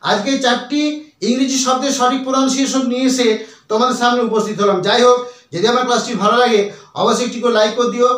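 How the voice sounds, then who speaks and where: A man with a Bengali accent teaching a pronunciation lesson, spelling words out letter by letter and repeating them slowly. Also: very high-pitched, fairly bright tone. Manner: slow, spells out letters one by one. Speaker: English teacher. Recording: echoey room, far from mic.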